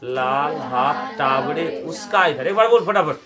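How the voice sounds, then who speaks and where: A man teaching a class in a high, light voice. He talks at an unhurried pace, telling little stories and then chanting memory lines slowly so the students can repeat them. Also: lively intonation, over a noisy crowd. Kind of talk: Hindi chemistry lesson with memory tricks.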